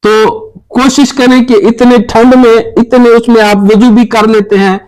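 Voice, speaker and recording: A man acting as spiritual teacher, giving a religious talk and earnestly urging his listeners in slow, emphatic phrases. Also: very high-pitched, flat delivery, darkish tone, rough recording.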